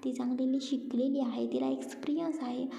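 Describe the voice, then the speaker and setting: A woman's voice: high voice, fairly even intonation, fairly quick, creaky, warm tone. A woman doing a coaxing affectionate younger sister. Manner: pleading, coaxing. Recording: roomy, muffled lo-fi recording.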